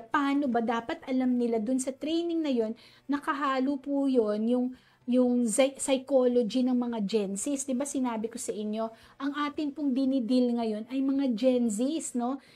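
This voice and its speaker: A woman's voice: a little high, warm tone. Woman teacher explaining phonics. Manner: demonstrates phoneme sounds, frequent "no?" tag questions; polite, uses "po" often. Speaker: reading teacher. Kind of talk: explanatory talk on teaching reading.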